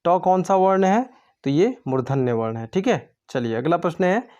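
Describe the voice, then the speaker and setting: A man's voice: on the high side, darkish tone, lo-fi sound. A man tutoring for an exam, going through quiz answers step by step in a patient way. He asks his own questions and then answers them.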